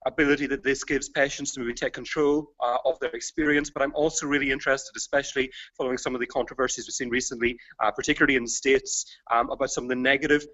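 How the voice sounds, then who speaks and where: A man with a bright, forward voice at middle pitch talks like an organiser explaining an event. His phrasing is academic and halting, heard over lo-fi video-call audio. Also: flat delivery. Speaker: conference organiser. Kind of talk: informal explanation.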